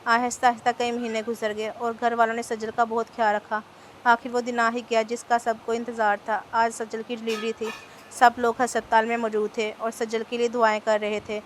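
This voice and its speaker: A woman narrating a romance novel aloud, in a flat, even reading voice. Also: fairly high pitch, fairly quick, a little hiss or hum.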